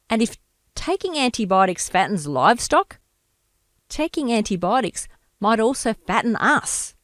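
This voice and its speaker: A woman with a slightly croaky voice, presenting a scripted health podcast in a measured, explanatory way. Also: mid-range voice, no echo, clean studio sound. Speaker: podcast host, doctor.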